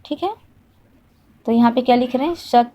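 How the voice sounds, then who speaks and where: A woman teaching a Hindi grammar lesson. She asks the class questions, answers them herself and repeats each point slowly. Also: on the high side, warm tone.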